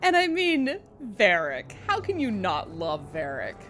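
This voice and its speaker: Woman streamer, casual gameplay commentary, wry, swearing, lowish voice. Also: wildly swooping pitch, measured pace, fairly bright tone, faint music behind. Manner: chatty, swearing, wry asides. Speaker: let's play streamer.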